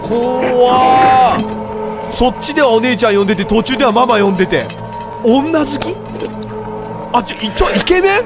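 A man's voice: extremely high pitch, normal speed, long pauses. A man giving live horror reaction commentary, jumpy and frightened, often repeating his words. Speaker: gaming video host. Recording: music under the voice.

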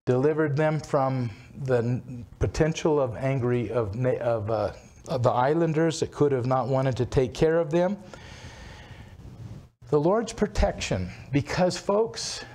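A man's voice: mid-range voice, darkish tone. A man in his sixties preaching at a church pulpit, retelling a story in a conversational way, with frequent restarts. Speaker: pastor. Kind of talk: sermon. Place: church platform behind a wooden pulpit, indoors. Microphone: pulpit-mounted microphone.

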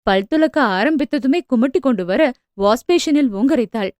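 Woman narrating a novel, fairly high voice. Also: animated, normal speed, a little mellow, dry recording, clean studio sound.

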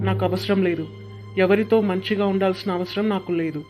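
A man's voice: high-pitched, steady tone, fairly quick, a little mellow, soft background music, close to an everyday voice. A young man playing a spoiled, selfish rich son who talks back rudely and dismissively, in an amateur short drama. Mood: sulking. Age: young adult. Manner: dismissive, rude, whiny.

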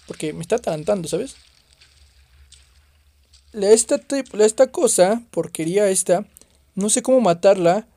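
A man doing excitable let's play commentary on a horror game, exclaiming and swearing at the scares. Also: sits high, normal speed, pauses often, no room sound. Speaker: gaming youtuber.

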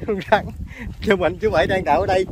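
A man's voice: high-pitched, steady tone, fast. A man with a Southern Vietnamese Mekong Delta accent hosting an outdoor snake-hunting vlog, exclaiming and talking straight to his viewers. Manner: exclamatory, addresses viewers as aunts and uncles. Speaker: vlog host filming a snake hunt. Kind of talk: excited outdoor commentary to viewers. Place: outdoors in rural countryside. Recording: outdoor camera audio with noticeable background noise.

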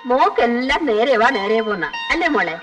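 A doting, fussing older housekeeper. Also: female voice, fairly high pitch, sing-song, fairly quick, over music. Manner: affectionate, fussing. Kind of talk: 1970s film dialogue.

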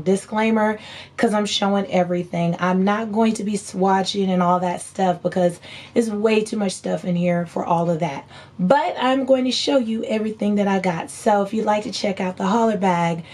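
A woman in her thirties with a hoarse, worn-out voice, chatting casually and folksily as a beauty vlogger showing products. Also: medium pitch, darkish tone. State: hoarse, voice partly lost from screaming. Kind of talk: casual chat unboxing haul. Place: indoor room at home.

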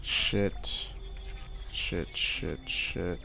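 Low-voiced, slow-talking young male gamer. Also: steady tone, vocal fry, pushed and bright. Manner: crude, sweary, slangy muttering. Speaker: gamer, video player. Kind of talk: casual gameplay commentary. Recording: game music behind the voice. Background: video game music.

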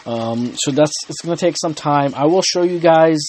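A man with a fairly high but darkish voice speaks at normal speed, giving a casual explanation of his tank to the camera for his aquarium hobby channel. He takes his time, frequently stumbling into ums and restarts. He's indoors in a home room with the aquarium, and slight background noise can be heard.

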